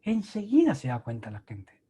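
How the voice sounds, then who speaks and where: A man's voice: medium pitch, huge pitch swings, moderate pace, mellow, husky. A man with an Argentine accent, a catechist giving an emphatic preaching talk full of rhetorical questions. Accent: Argentine Spanish. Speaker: catechist leading a church workshop.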